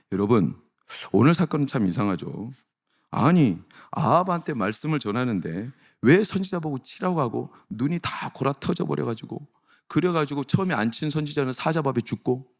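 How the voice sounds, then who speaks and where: A middle-aged male pastor preaching a sermon, animated and repeatedly asking the congregation direct questions. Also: mid-range voice.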